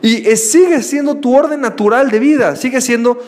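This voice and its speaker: An extremely high-pitched man speaking at normal speed in a large hall hosts a podcast by himself. Animated and playful, he narrates a story and imitates his friends shouting.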